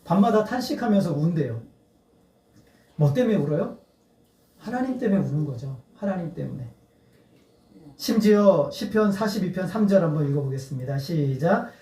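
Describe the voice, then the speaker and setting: Preaching in a church sanctuary, a man speaks at a moderate pace with long pauses, his fairly high, dark-toned voice full of lively intonation. The sermon is earnest, climbs to emphatic appeals, and breaks into laughter. The distant microphone picks up the hall's echo.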